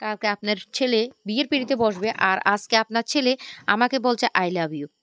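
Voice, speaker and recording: A woman's voice: on the high side, a little fast, fairly bright tone, lightly acted. A woman voicing a fiery, defiant young woman who scolds everyone around her. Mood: indignant. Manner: indignant, scolding.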